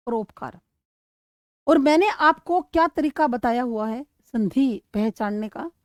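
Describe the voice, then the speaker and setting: High-voiced woman teaching a slow, dry lesson. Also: no room sound. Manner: asks questions and answers them herself, repeats key words; sounds out words slowly to show stress. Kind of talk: exam-prep grammar lesson.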